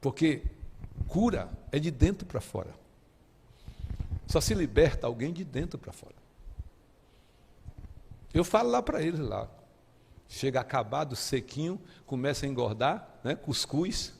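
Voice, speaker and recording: Impassioned Brazilian preacher in a reverberant church. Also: male voice, fairly high pitch, sing-song, creaky, a little hiss or hum. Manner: impassioned, rising to near shouting at peaks; halting restarts and repeated words. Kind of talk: sermon with personal testimony. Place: church sanctuary.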